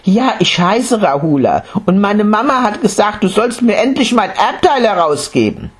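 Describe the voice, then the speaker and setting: A man's voice: high-pitched, very animated, normal speed, voice pushed up. A man voicing a stubborn seven-year-old boy who insistently repeats his whiny demand in a storybook reading. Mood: pleading.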